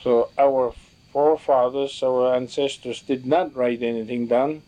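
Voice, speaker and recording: Male storyteller, unhurried and soft-toned, reflective and halting, restarting phrases as he gathers his thoughts. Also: medium pitch, steady tone. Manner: slow, halting, with frequent restarts and searching for words. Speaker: storyteller recalling teachings from elders. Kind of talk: reflective spoken recollection.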